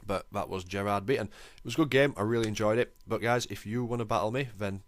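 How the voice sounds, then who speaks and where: A young man talks through his game in a relaxed, self-deprecating way, as the host of his own channel. His voice sits very low, and the sound is close and dry with no room to it. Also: fast, no echo. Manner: chatty, self-deprecating, lightly excitable. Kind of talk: casual game commentary voice-over.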